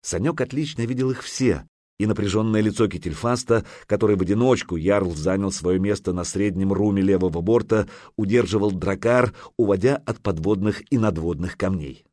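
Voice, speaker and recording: A man reading an audiobook in a measured, even narration. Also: on the low side, dry recording, studio quality.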